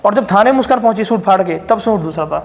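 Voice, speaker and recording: A man in an interview telling his side of events in a rapid, insistent storytelling way. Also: sits high, expressive, long reverb tail. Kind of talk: defensive interview account.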